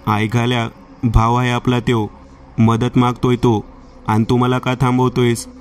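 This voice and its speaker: A hot-headed young man, impatient and quick to snap in angry outbursts, as a storyteller puts him on. The delivery stays flat and even in pitch. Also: slight background noise, natural voice.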